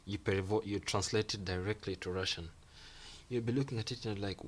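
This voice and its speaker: Speaking fairly quickly in a voice on the low side, a young man from Kenya, a Swahili-speaking student appearing as a guest, chats casually in an interview. He's relaxed, repeats phrases, and acts out the reactions he quotes. Faint noise sits in the background.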